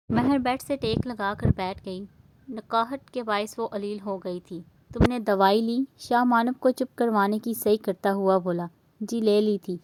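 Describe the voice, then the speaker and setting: A woman with an Urdu accent reading a romance novel aloud, voicing dialogue and narration in a steady, even way. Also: mid-range voice. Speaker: novel reader.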